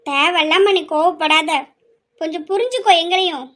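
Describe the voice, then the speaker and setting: A woman's voice: very high-pitched, very noisy. A woman playing a weary, pleading mother. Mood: worried. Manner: slow, pleading, scolding at times. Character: worried middle-aged mother, pleading and weary. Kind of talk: amateur family drama.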